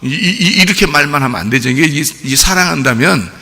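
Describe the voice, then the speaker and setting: Male pastor, gravelly and bright; chatty sermon with rhetorical questions, church reverb. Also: fairly high pitch, expressive, brisk. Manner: conversational preaching, frequent rhetorical questions. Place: church sanctuary. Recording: long reverb in a church hall.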